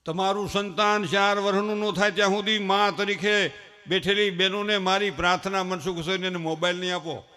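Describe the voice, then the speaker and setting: A male comedian, telling animated stories on a live stage and using lots of rhythmic repetition. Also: high voice, brisk, clean tone. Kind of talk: live folk storytelling comedy. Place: live stage show before an audience.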